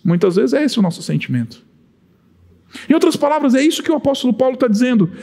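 A man with a Brazilian Portuguese accent preaching a sermon, impassioned and rising to shouts on key points. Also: very high-pitched, sing-song, quick pace, creaky, in a large hall. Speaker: pastor.

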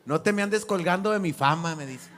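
Loud joking Mexican man, high voice. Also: a little fast. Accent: Mexican Spanish. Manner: loud, joking, heavy slang. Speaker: podcast host. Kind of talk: casual bar chat. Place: bar.

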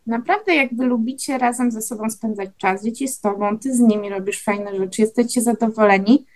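High-pitched woman host, reflective, recaps and affirms the guest's points, conversational. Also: fairly quick, a little mellow, dry recording. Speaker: podcast host. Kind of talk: conversational interview.

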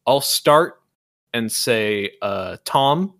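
A man's voice: medium pitch, animated, very slow, a bit bright, no room sound, studio quality. A man co-hosting a casual gaming podcast, rambling with lots of filler words and leading the talk with questions. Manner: rambling, heavy use of "like" and "uh"; leads the discussion with questions. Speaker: podcast co-host. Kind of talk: casual chat.

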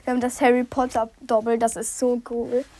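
A woman's voice: a little high, flat delivery, fairly quick, very noisy. A young woman hosting a casual solo podcast recorded on her phone, chatting loosely, losing her thread and breaking off mid-sentence. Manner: chatty, scattered, self-interrupting, often drops to a whisper. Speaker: podcast host. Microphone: phone, no microphone.

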